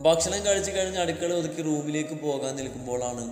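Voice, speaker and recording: A man narrating a romantic story as a storyteller, in a calm, steady reading. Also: fairly high pitch, fast talker. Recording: echoey room with long reverb, faint music.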